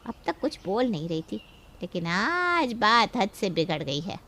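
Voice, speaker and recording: A woman voicing a loud, quarrelsome neighbor woman in a cartoon, yelling and scolding. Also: mid-range voice, sing-song, a little slow, heavy background noise. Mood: angry. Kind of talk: cartoon voice acting.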